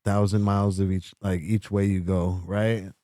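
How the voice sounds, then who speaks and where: A man's voice: low voice, little pitch movement, moderate pace, warm tone, dry recording, studio quality. A man hosting a casual podcast, rambling and swearing in a laid-back way. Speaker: podcast host. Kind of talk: casual chat.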